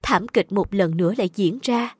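A woman narrating a dramatic story in a steady storytelling voice. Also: medium pitch, normal speed, breathy edge, dry recording, studio quality.

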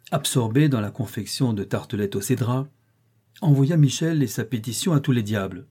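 Male audiobook narrator, warm and a little breathy, theatrical delivery. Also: mid-range voice. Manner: expressive, theatrical reading. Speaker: audiobook reader. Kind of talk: literary story narration.

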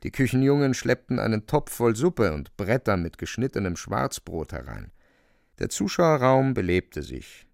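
A man narrating a radio drama in a vivid, expressive storytelling manner. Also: on the low side, normal speed, gravelly, no room sound, clean studio sound.

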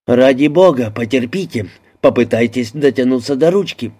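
A man's voice: medium pitch, lively intonation, moderate pace, a little mellow, slightly rough. A man voicing a dry, sardonic American man keeping his wits in a crowded toilet. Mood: wry.

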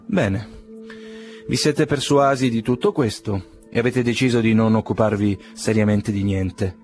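A man reading an audiobook, playing an irritable older aristocratic gentleman who sneers coldly and then bursts into indignation. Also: on the low side, steady tone, a little slow, faint music behind, natural voice. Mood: scornful. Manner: cold and ironic, flaring into indignant outbursts.

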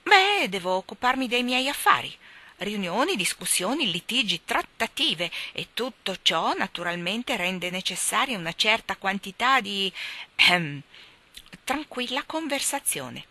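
Una donna che fa uno storno petulante e chiacchierone. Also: female voice, mid-range voice, big pitch swings, unhurried, bright, forceful tone, pitched above the performer's own voice, full character voice. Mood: petulant. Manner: fussy, scolding, self-important. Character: petulant chattering old male starling.

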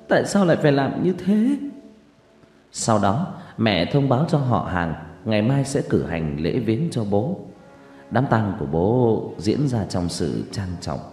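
Mournful low-voiced male storyteller. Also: a little mellow. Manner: mournful, dramatic. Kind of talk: emotional first-person story narration. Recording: echoey long reverb.

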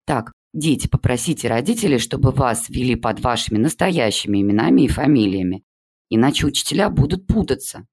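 A man's voice: mid-range voice, expressive, fairly quick, a little mellow, slightly rough. A man voicing a strict female schoolteacher who bosses a noisy online class. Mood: stern. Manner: stern, bossy, trying to keep order.

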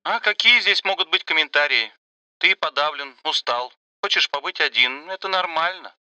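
Brief: man doing high squeaky young woman, teary and cutting, dry close mic. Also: expressive, normal speed, clean tone, dry recording. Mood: flat. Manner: sobbing, high and squeaky, turning sharp. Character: young woman Sveta, tearful then angry. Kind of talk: audiobook narration with voiced dialogue.

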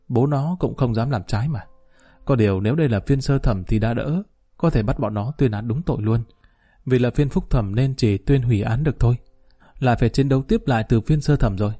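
A man voicing a brash, teasing young woman who talks quickly and confidently. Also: mid-range voice, warm tone, soft background music, close to an everyday voice. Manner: quick, teasing, self-assured.

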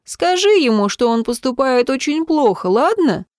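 A woman's voice: high-pitched, sing-song, normal speed, a little mellow, no room sound, clean studio sound, voice pushed up. A woman voicing a sarcastic blond young man who taunts a girl. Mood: taunting.

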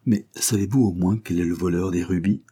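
A calm detective asks careful, probing questions in a low, husky voice, as a man reading the story plays him. The delivery stays measured and even. It is adventure storybook reading. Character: calm shrewd Japanese male detective.

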